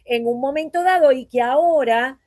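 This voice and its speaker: A woman's voice: high-pitched, normal speed, darkish tone, no room sound. A Puerto Rican woman who teaches voice and acting, speaking in an earnest, reflective way at a talk and often tagging her sentences with "¿verdad?". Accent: Puerto Rican Spanish. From Puerto Rico. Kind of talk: conference talk.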